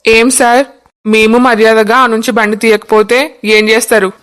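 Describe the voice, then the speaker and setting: A man's voice: high voice, level tone, normal speed, fairly bright tone, smooth. A voice artist voicing a brash, boastful young man in a cartoon. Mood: cocky. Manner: boastful, cheeky.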